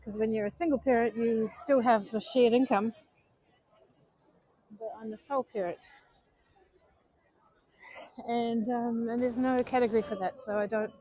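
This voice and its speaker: On a live stream at night, a woman with a New Zealand accent chats casually to viewers while walking through city streets, sounding subdued and disappointed. Her fairly high, mellow voice holds a steady tone at a moderate pace. The audio is poor but free of echo.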